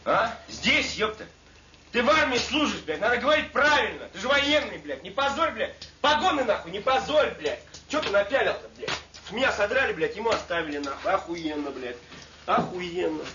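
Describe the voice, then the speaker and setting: A man's voice: high voice, big pitch swings, moderate pace, far from the mic. A man playing a raging, swearing soldier. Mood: contemptuous. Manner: shouting, swearing constantly, mocking. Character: furious foul-mouthed male captive soldier. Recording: echoey lo-fi room from afar with faint noise.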